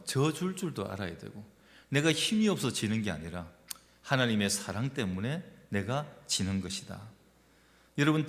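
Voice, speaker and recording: A male pastor preaches with a lively, swinging pitch, pressing his points home through repeated questions to the congregation. His voice carries a long reverb that fills the church hall. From Gyeongsang region, Korea. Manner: emphatic, addresses the congregation with rhetorical questions. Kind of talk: sermon. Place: church sanctuary.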